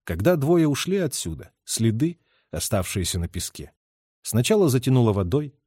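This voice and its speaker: Guy reading a war story out loud, lively rising and falling voice, dry close sound. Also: mid-range voice, normal speed, husky, dry recording. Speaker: audiobook narrator. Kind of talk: expressive literary narration.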